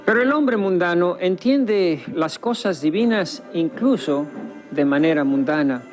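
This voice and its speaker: A man with a fairly high voice narrates a documentary in a solemn, measured way, pausing for weight. Clear plucked guitar music plays under his studio voice-over. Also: lively intonation. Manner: solemn, measured, with dramatic pauses.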